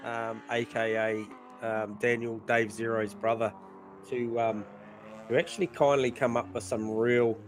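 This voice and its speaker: A man co-commentating a sim racing event in a relaxed, chatty way full of fillers. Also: medium pitch, a little slow, faint music behind. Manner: relaxed, lots of fillers and mate. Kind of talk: casual commentary chat.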